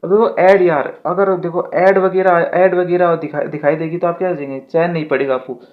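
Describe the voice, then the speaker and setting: A man's voice: fairly high pitch, steady tone, a little fast. A man teaching exam mnemonics, often asking a question and answering it himself and repeating his lines. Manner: repetitive, asks and answers his own questions. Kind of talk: exam-prep mnemonic lesson. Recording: tinny phone-like audio.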